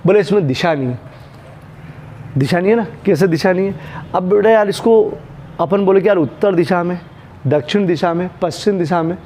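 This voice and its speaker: A man's voice: high voice, darkish tone, muffled recording. A male physics teacher giving a classroom lecture. He keeps asking his students questions and answering them himself. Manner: calls students "beta" and "bhaiya", handles props while explaining.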